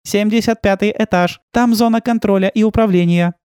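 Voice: medium pitch, brisk, clean tone, no room sound, clean studio sound, pitched above the performer's own voice, lightly acted. A reader voicing a polite, courteous female robot guide on a space station, in an audiobook. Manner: even, courteous. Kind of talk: audiobook role-play.

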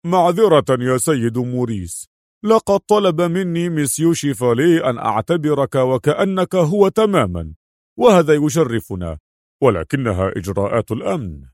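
A man's voice: fairly high pitch, big pitch swings, normal speed, darkish tone, no room sound, studio quality. A man voicing a formal male bank director in an audio story, speaking politely and apologetically.

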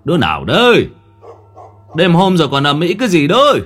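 A man voicing a gruff, impatient old village grandfather who barks and scolds. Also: a little high, huge pitch swings, fairly quick, soft background music, pitched above the performer's own voice. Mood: gruff scolding. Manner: barking, scolding shouts.

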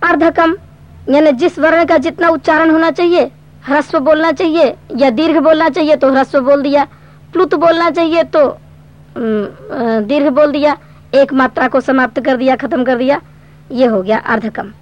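A woman teaching a Sanskrit grammar lesson, explaining patiently step by step and reciting verse slowly. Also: high voice, fairly even intonation. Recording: dull lo-fi recording.

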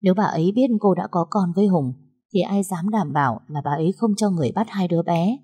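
Low, mellow woman narrating a story. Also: slightly rough. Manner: calm, measured reading.

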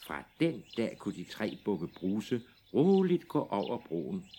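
Lively male storyteller for kids. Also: lowish voice, a little hiss or hum. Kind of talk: children's fairy tale reading.

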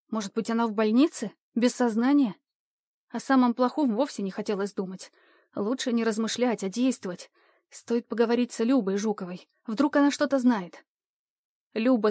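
Woman, audiobook narrator, measured storytelling, somewhat high pitch. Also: warm tone, no room sound, studio quality. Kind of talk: scripted narration.

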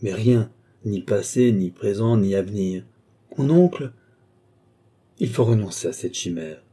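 Man doing a passionate middle-aged duke, audiobook, husky, dark timbre, rising pleading tone. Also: on the low side, lively intonation, unhurried. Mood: impassioned. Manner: fervent, pleading declamation. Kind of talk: audiobook character reading.

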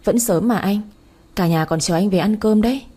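A woman voicing a gentle, trusting young wife who speaks softly and pleadingly. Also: mid-range voice, moderate pace, slightly rough, natural voice. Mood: tender.

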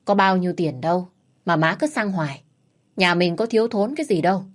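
A woman voicing a lively, headstrong young daughter who speaks eagerly. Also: on the low side, brisk, close to an everyday voice. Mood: playful. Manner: eager, pleading.

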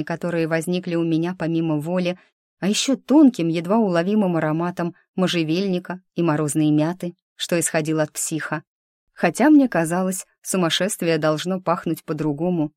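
A woman reads a first-person audiobook with lively, ironic storytelling. Her voice is low for a woman, and the sound is dry and close, with no room around it. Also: no room sound.

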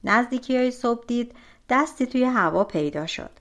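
A woman narrating a folk tale audiobook with expressive, animated storytelling. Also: a little high.

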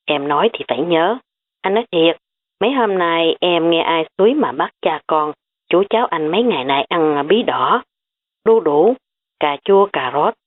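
Woman reading a laid-back joking uncle, lowish voice, phone-like audio. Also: moderate pace. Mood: teasing. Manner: relaxed, joking. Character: easygoing middle-aged uncle, teasing and fond.

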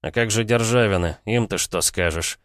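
A man's voice: lowish voice, normal speed, clear, resonant tone, dry recording, studio quality, pitched above the performer's own voice, close to an everyday voice. A man voicing a defiant young man who snaps back sarcastically at his father. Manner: snapping, sarcastic.

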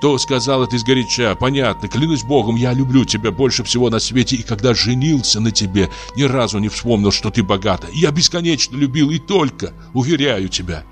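A man voicing a guilty middle-aged husband who pleads softly and soothingly, in an audiobook. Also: medium pitch, brisk, few pauses, soft background music, pitched above the performer's own voice, close to an everyday voice. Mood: pleading.

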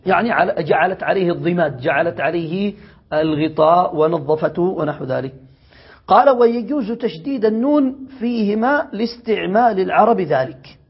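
A man's voice: high voice, expressive, normal speed, husky. A man teaching a classical Arabic grammar lesson, reading the text aloud, explaining it and quizzing his students. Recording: dull lo-fi lecture recording.

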